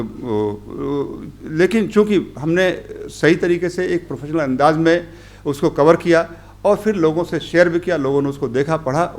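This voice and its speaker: A middle-aged man giving a workshop talk as a journalist, rambling through his points with many pauses and English phrases mixed in. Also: a little high. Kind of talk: workshop lecture. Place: conference hall.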